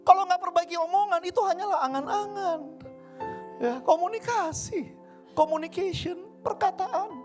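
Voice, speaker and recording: A man's voice: very high voice, normal speed. A man preaching a conversational sermon, acting out everyday dialogue in different voices. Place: church service hall. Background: faint keyboard music.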